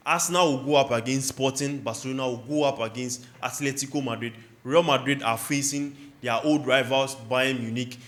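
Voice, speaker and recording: Male host, casual football chat, mid pitch, easygoing and talkative. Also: steady tone, a little fast, few pauses, a bit bright. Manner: chatty, laughing, introduces panelists.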